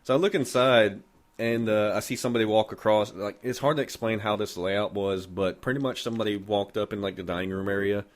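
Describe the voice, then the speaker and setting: A man's voice: fairly low pitch, fairly even intonation, a little fast. A man hosting a podcast, telling a long story in a loose, joking way with a lot of swearing. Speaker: podcast host. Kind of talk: casual storytelling.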